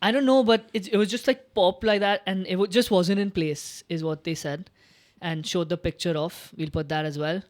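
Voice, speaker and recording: A man hosting a casual sports podcast, talking excitedly and swearing freely as he recaps a fight. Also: high-pitched, moderate pace. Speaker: podcast host.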